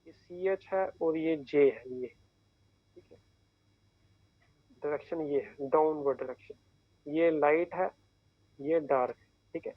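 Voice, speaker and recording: A man's voice: fairly high pitch, slow pace, pauses often, no echo. A man teaching a shorthand class, explaining each symbol step by step and checking in often with his students. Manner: patient, repeats points, keeps checking in with "theek hai". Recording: tinny phone-like dry sound.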